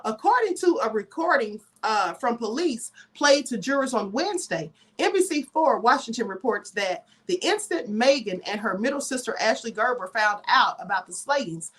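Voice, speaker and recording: Chatty woman host, higher-pitched, emphatic live commentary with asides. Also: a bit bright. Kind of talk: live commentary and reading news aloud.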